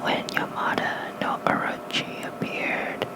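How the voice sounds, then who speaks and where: Slowly and softly, an ASMR creator whispers lore like a bedtime reading, dropping in casual asides, right up against a microphone with a fluffy cover.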